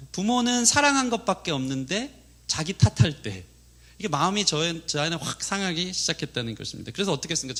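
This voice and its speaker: Bright-voiced male pastor telling a story. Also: fairly high pitch. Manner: storytelling with acted quotes and laughter. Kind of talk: sermon.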